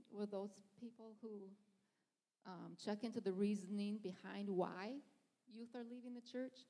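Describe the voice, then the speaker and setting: A middle-aged woman giving church ministry announcements from the stage on a handheld mic, earnest and halting with lots of ums. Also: medium pitch, warm tone. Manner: earnest, hesitant, frequent ums. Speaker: children's ministry leader. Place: church stage, large sanctuary. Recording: long hall reverb in a sanctuary.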